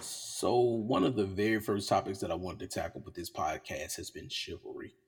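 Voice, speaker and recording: A man's voice: sits low, normal speed, slightly rough. A man hosting his own podcast in a home studio, talking casually in a blunt, profane, joking way. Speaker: podcast host. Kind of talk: casual solo podcast talk.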